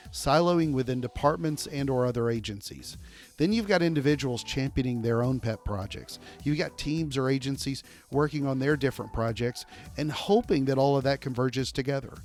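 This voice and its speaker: A man hosting a podcast, asking playful this-or-that questions and then giving a measured recap of advice. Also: medium pitch, darkish tone. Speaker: podcast host. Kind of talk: casual interview and scripted recap.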